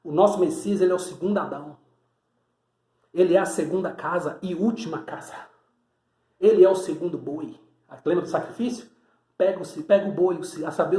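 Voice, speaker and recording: A preacher from Bahia with a notably high voice. He teaches patiently, pointing at drawings and asking rhetorical questions. The sound bounces around an echoey room. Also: a little mellow. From Salvador, Bahia, Brazil. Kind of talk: teaching sermon with a board.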